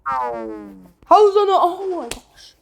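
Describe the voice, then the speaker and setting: A woman's voice: very high voice, huge pitch swings, very slow. A woman goofing around in a playful voice recording session, exclaiming and giggling.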